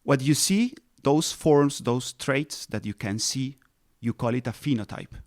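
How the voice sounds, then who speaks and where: A man in his thirties who grew up in Colombia answers interview questions with patient, careful explanations. His voice sits in a middle pitch, and he often restarts a phrase or pauses on a filler before finding the word. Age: 30s. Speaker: ecologist guest.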